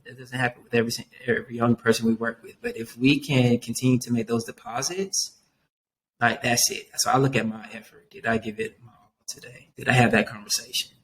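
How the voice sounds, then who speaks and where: A man as a youth worker guest on a podcast, talking in an earnest, animated way and often dropping "man" into his sentences. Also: medium pitch, a little fast, slight background noise, rough recording. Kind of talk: casual podcast interview.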